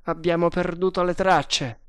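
A man's voice: high voice, fairly even intonation, unhurried, smooth, no echo, clean studio sound, pitched above the performer's own voice. A man voicing a hunter and secret traitor who reports back in a subdued way. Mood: downcast. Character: wary male hunter, traitor feigning discouragement.

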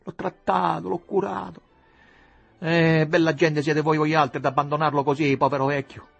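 A man voicing a frantic, tearful noblewoman who breaks into shrill outbursts. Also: little pitch movement, normal speed, creaky, dull audio, soft background music. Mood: scolding.

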